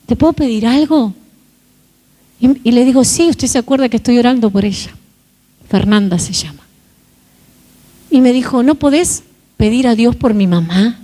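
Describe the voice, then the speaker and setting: A woman's voice: high voice, warm tone. A woman preacher, telling a testimony and leading a fervent prayer. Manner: fervent, storytelling then praying. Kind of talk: sermon with story and closing prayer.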